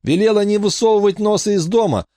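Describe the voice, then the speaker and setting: A man's voice: high voice, fast talker, dark tone, no echo, studio quality, pitched above the performer's own voice, lightly acted. A man voicing a touchy plain-spoken boy.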